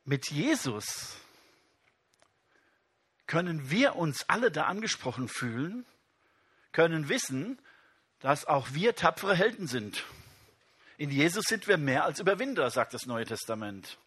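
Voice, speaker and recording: A man's voice: fairly high pitch, sing-song, measured pace, pauses often, a bit bright, husky. A man preaching a sermon, speaking straight to his congregation and reading scripture aloud with emphasis.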